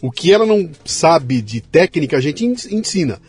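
A man's voice: fairly high pitch, moderate pace, breathy edge. A man with a Brazilian accent hosting a podcast interview, telling stories and acting out the quotes. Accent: Brazilian Portuguese. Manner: animated storyteller, acts out quotes. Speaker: podcast host. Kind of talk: conversational interview.

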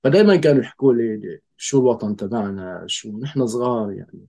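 Male interview guest from the Golan Heights, Levantine Arabic accent, lower register, reflective and halting personal storytelling. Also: lively intonation, warm tone.

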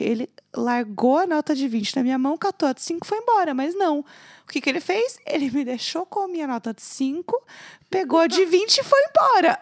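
A woman's voice: sits high, no room sound, studio quality. A woman telling a story in casual chat, acting out the voices of the people in it. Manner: animated, acts out quoted voices.

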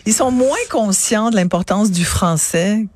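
A woman's voice: mid-range voice, a little slow, noisy background. A woman with a Québécois French accent, telling an indignant story in a casual radio chat.

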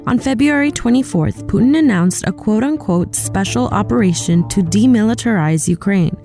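A woman hosting a news podcast, reading a clear, measured scripted introduction. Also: medium pitch, expressive. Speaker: podcast host. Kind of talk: scripted narration. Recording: soft guitar music behind.

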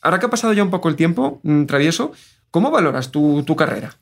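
A male interviewer puts questions to his guest. His voice sits a little high, and he trips over words now and then. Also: lively intonation, fast. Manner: hesitant, stumbles on words.

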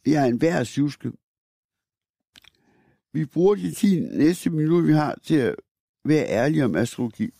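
A man reading a first-person literary text aloud in a slow, measured, wry manner. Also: on the high side, expressive, vocal fry, warm tone, dry recording, studio quality.

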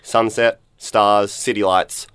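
A man's voice: fairly low pitch, level tone, slow, a bit bright, clear, resonant tone. A man playing a bachelor on a joking podcast dating game, rambling and laughing as he talks. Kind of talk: joking studio banter.

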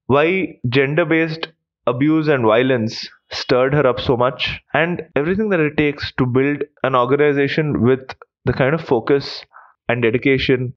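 A man's voice: mid-range voice, highs cut off. A man hosting a podcast, reading a scripted intro and interviewing in an upbeat, welcoming manner. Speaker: podcast host.

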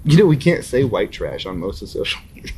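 A musician in his thirties talks through a casual interview with a lower-pitched voice that swings widely and animatedly. He tells his stories with frequent laughter and acts out his own excited reactions. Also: fairly quick, slight background noise. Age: 30s. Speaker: musician guest.

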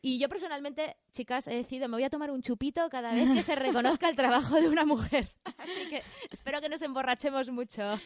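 A woman's voice: high-pitched, fast talker, no room sound. A woman co-hosting a chatty podcast from a studio, upbeat and jokey. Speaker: podcast co-host. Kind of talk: casual podcast chat.

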